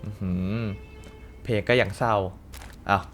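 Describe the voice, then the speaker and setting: A man's voice: on the low side, steady tone, unhurried, fairly bright tone, faint music behind. A man hosting a gaming channel who gives chatty let's play commentary and exclaims at the action.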